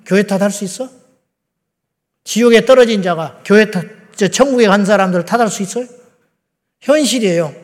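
A middle-aged man preaches with a notably high voice, talking bluntly and conversationally as he keeps throwing rhetorical questions at the congregation. His words ring out with the long reverb of a big church sanctuary, and he often sinks into low, hushed asides. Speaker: pastor. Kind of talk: sermon.

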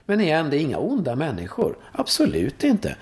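A Swedish man in his fifties, guest in a conversational interview, leads courses in sexuality and breathwork. His voice sits a little high, and he tells stories with animation, swearing and tacking on "va?" again and again.

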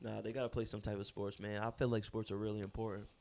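A man's voice: on the low side, flat delivery, fast, vocal fry, darkish tone. Laid-back young man in casual chat. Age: 20s. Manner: laid-back, laughs often, slangy. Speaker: podcast co-host.

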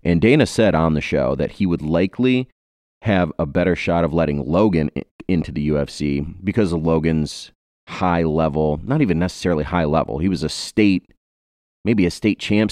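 A man's voice: deep voice, moderate pace, a little mellow, no room sound, clean studio sound. A man in his twenties from Ohio, hosting a podcast in a rambling, joking way with many fillers. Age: 20s. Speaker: podcast host. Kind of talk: casual podcast chat.

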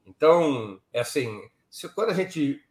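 Animated older man in an echoey room. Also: on the high side, measured pace. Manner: animated, with anecdotes and rhetorical asides. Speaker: political commentator. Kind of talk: casual political commentary.

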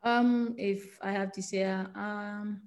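A woman's voice: medium pitch, fairly even intonation, takes it slowly, darkish tone. A woman in her twenties from Ghana, with a Ghanaian accent touched by American English, answering podcast questions earnestly with many fillers and restarts. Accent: Ghanaian with American influence. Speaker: professional footballer guest. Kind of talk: podcast interview.

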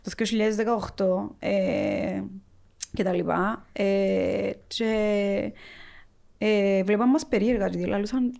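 Creaky-voiced woman with a Cypriot Greek accent. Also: medium pitch, steady tone, a little mellow. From Cyprus. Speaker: interview guest, linguist. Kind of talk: conversational interview answers.

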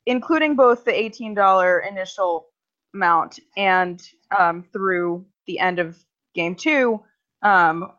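A woman's voice: fairly low pitch, a bit bright. A woman co-hosting a casual chat podcast, explaining things at length with lots of ums. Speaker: podcast co-host. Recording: slightly dull lo-fi recording.

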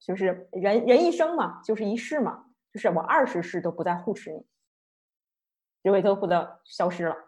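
A woman giving an online lecture, telling a story in a chatty, lively way. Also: medium pitch, moderate pace. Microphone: online talk, computer mic.

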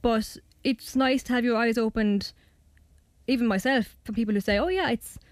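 A woman's voice: fairly high pitch, steady tone, moderate pace, no echo. A young Irish woman in her twenties, chatting casually as a radio guest and narrating her own documentary. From Ireland. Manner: chatty, hedging with fillers. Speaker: student documentary maker.

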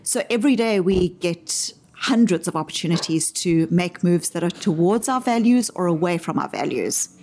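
A woman with a South African accent, answering interview questions in a measured, articulate way and using everyday examples to make her points. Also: fairly low pitch, lively intonation, darkish tone, slight background noise. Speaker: interview guest explaining her framework.

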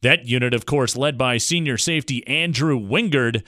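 A man's voice: medium pitch, normal speed, bright, forceful tone, no echo, clean studio sound. A man hosting a sports show, reading a scripted preview.

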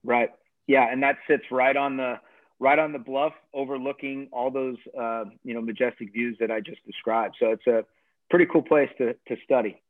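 A man's voice: medium pitch, fairly even intonation, normal speed, no echo. A man, a college tennis coach, talking casually in an interview, rambling with many fillers and restarts. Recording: dry tinny phone-like call audio.

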